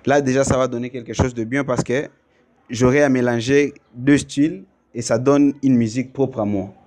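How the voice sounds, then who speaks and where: Congolese musician talking things through. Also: male voice, mid-range voice, fairly even intonation, normal speed, darkish tone. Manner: thoughtful, explains at length with fillers. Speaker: musician guest. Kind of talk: casual interview talk.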